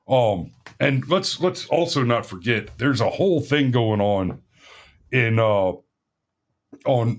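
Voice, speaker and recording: A man hosting a casual talk show, giving opinions emphatically and repeating phrases for effect. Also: mid-range voice.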